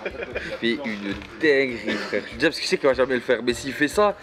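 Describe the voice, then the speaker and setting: A man's voice: mid-range voice, animated, brisk. A man chatting casually for a travel vlog in suburban street slang.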